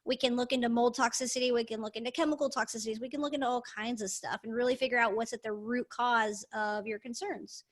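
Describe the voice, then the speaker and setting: A woman with a fairly high voice co-hosts a podcast in a casual, enthusiastic way, stressing and repeating words for emphasis. Her microphone has a hallway echo, so the voice sounds like it comes from an echoey indoor space. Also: steady tone, quick pace, hardly any pauses. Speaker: podcast co-host.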